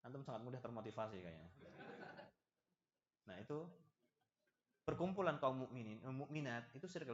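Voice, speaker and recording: A man giving a religious study lecture in a lively, joking manner, speaking to a gathered audience. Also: mid-range voice. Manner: lively, acts out little dialogues and jokes with the audience. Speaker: preacher giving a study lesson. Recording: echoey, slightly dull hall recording.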